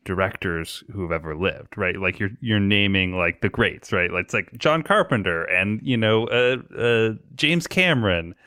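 A man's voice: fairly low pitch, animated, moderate pace, few pauses, bright, forceful tone, smooth, no room sound, clean studio sound. A male co-host chiming in with loose, enthusiastic chat full of fillers. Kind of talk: casual chat.

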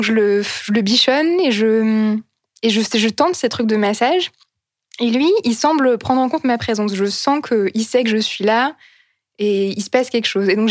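Earnest woman telling a story, halting. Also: on the high side, a little mellow, no room sound, studio quality. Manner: earnest, halting, searching for words. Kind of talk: personal storytelling.

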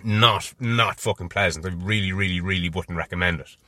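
A man's voice: deep voice, fairly quick, pushed and bright, no echo. An Irish man in his thirties telling a personal story in a casual, rambling, wry way with a lot of swearing.

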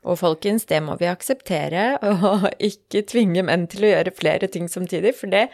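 A woman's voice: on the low side, a little mellow. Chatty woman podcast host. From Norway. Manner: chatty, laughs easily, personal asides. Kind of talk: casual podcast conversation.

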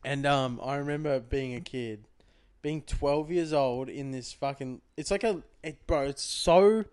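A man's voice: medium pitch, unhurried, darkish tone, clear, resonant tone. A young man, co-hosting a podcast from a home lounge room and telling crude, rambling anecdotes full of swearing. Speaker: podcast co-host. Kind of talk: casual storytelling chat.

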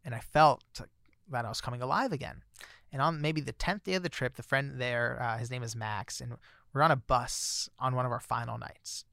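A man's voice: medium pitch, normal speed, creaky, no room sound, clean studio sound. A man telling a personal story as a guest author, in a casual chatty way with lots of fillers. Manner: chatty, many fillers, grows excited when recounting surprises.

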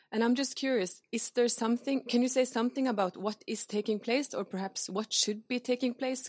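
Brief: female audience questioner, polite and curious, mid pitch, dry. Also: dry recording. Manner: polite, curious, a little hesitant. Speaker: audience member asking a question.

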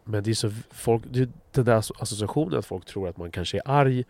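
Blunt swedish guy chatting on a podcast, lowish voice, dry sound, lots of restarts and swearing. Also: a little mellow, no room sound. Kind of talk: casual podcast conversation.

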